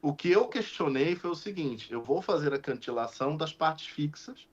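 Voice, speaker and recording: A man, a deacon visiting a podcast, tells a story with lively energy and often restarts his sentences. His voice sits a little high for a man. The audio is slightly dull and lo-fi. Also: moderate pace. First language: Portuguese. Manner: animated, acts out quoted dialogue, frequent restarts. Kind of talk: storytelling in casual conversation.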